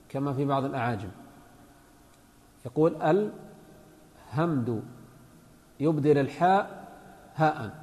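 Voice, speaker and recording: A man's voice: on the high side, darkish tone. A man, a sheikh, giving a religious lecture on Islamic law, patiently explaining points and reciting examples. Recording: long hall reverb.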